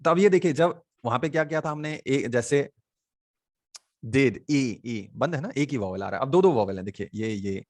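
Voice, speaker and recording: A man with an Indian accent teaching an online English lesson in Hindi. He explains slowly, repeats example words, and keeps checking in with "है ना" and "ठीक". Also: mid-range voice, expressive, a little mellow.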